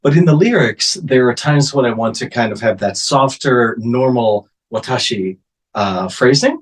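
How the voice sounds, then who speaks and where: Relaying a woman's interview answers in first person, this interpreter speaks at a measured pace, sprinkling in lots of fillers. His voice is medium-pitched.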